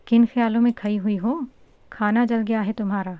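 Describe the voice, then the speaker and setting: A woman voicing a kind but blunt older sister-in-law in a storybook reading, brisk and chiding. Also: a little high, steady tone, clean tone, no room sound, lo-fi sound, lightly acted.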